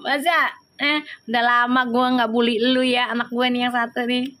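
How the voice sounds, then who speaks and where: A woman's voice: fairly high pitch, flat delivery, normal speed, bright, forceful tone. A woman hosting a live tarot reading, chatting and teasing her viewers as she reads their comments. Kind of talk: casual live-stream tarot reading and chat.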